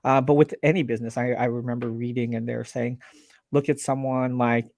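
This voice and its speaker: An earnest man speaks as a guest on a live stream, animated and quick to restart his sentences. His voice sits at an ordinary middle pitch, and the sound is close and dry with no room echo, as over a video call. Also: creaky. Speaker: guest, laser business owner. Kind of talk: casual live-stream interview.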